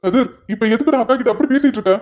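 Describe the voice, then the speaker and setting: A man voicing a worried young friend who tries to calm others down in a cartoon drama. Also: high-pitched, quick pace, highs cut off, lightly acted. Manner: soothing, questioning. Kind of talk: cartoon voice acting.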